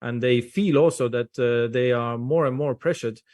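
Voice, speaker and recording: Man, English, halting conference talk over a video call, mid-pitched. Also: a little mellow. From Estonia. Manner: hesitant, frequent "uh" fillers. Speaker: invited speaker. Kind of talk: conference presentation.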